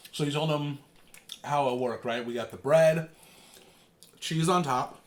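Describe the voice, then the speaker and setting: A man's voice: fairly high pitch, unhurried. A man talks casually to viewers as a vlog co-host while eating, chewing between phrases, informal and repeating himself for emphasis. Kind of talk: casual mukbang chat to viewers.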